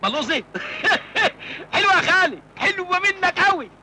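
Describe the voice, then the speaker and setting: A cheeky naive village lad. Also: male voice, extremely high pitch, expressive, fast, sharp tone, slight background noise, exaggerated voice. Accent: Egyptian. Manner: cheeky, joking, self-pitying. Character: naive cheeky village man, young, penniless. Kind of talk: film comedy acting.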